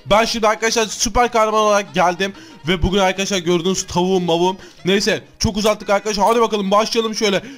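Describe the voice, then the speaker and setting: A man hosting a gaming channel, giving excited gameplay commentary in a slangy way, constantly talking to his viewers. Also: high-pitched.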